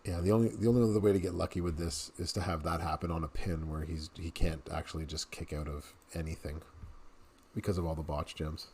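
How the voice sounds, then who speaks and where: A man's voice: low voice, fairly even intonation, a little fast, darkish tone, slight background noise. A man in his thirties, a game streamer, chatting casually to viewers and laughing often as he plays. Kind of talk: casual gameplay commentary.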